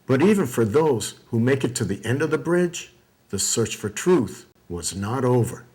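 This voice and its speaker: A man giving scripted documentary narration in a measured, deliberate way. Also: mid-range voice, sing-song, a little mellow.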